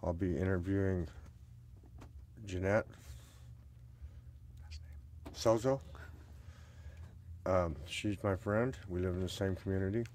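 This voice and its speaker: Brief: man, mid forties, very deep voice, halting and plain, asks simple interview questions. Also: steady tone, a little mellow, a little hiss or hum. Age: 40s. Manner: hesitant, plain, many fillers. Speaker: interviewer, geology student. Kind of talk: casual personal conversation. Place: small recording booth.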